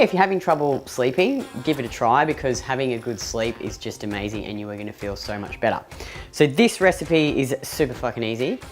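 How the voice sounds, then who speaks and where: A woman hosting a cooking vlog from her home kitchen, stuffed up and nasal from a cold, chatting casually and swearing freely. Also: extremely low pitch.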